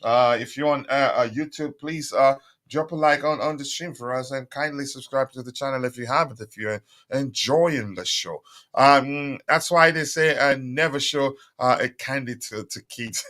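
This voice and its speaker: Hosting a casual live stream, a man speaks at a moderate pace in a medium-pitched, sharp voice. He's chatty and full of fillers, reading viewer comments and asking again and again for likes. There's a slight strain in his voice, which seems to be recovering.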